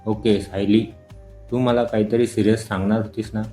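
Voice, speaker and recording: A man reading the lines of a cheerful young woman in an audio story, in his own plain, even voice. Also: on the low side, moderate pace, soft background music, natural voice.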